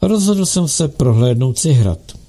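Reading a novel aloud as an audiobook narrator, a man keeps his delivery steady and measured. His voice sits in the mid-range and has a slightly rough edge.

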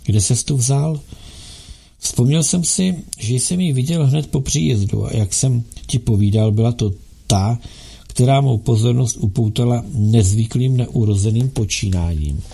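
A man reading a novel aloud as an audiobook narrator, in a steady, measured way. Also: mid-range voice, gravelly, breathy edge.

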